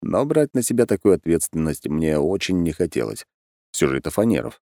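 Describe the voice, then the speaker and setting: A man's voice: low voice, very animated, a little fast, mellow, no room sound, clean studio sound. A man narrating a first-person audiobook in a wry, conversational way.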